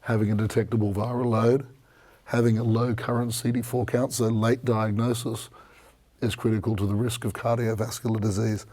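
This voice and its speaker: A man with a croaky, hoarse voice gives an expert medical review. His delivery is even and measured, with little swing in pitch and a soft, mellow tone. He sounds like a presenter explaining research findings. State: croaky from a strained voice this week.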